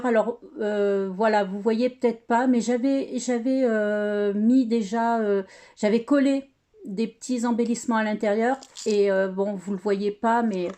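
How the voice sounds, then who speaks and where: A scrapbooking crafter casually shows off an album of her work in a laid-back craft tutorial. Her voice is medium in pitch and dark in tone, and she's chatty yet hesitant, full of fillers and restarts.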